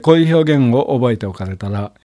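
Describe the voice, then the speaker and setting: A man's voice: mid-range voice, animated, brisk, mellow, no room sound. A male teacher explains a handy English phrase and lists example sentences in a plain, instructive way. The recording is dry and close. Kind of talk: explanatory lesson.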